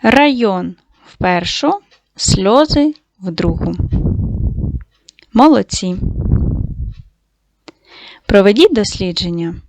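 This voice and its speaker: Woman teacher speaking slowly to young children. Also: medium pitch, animated, noisy background. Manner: slow, clearly articulated, instructive. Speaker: primary school teacher. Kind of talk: online lesson for young children.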